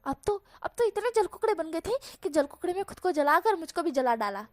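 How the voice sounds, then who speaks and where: Woman reading as a shrill, theatrical young man, quick to scold and mock. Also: big pitch swings. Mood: indignant. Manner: scolding, teasing, exaggerated complaints. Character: sassy dramatic young man, quick-tempered. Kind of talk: storybook voice acting.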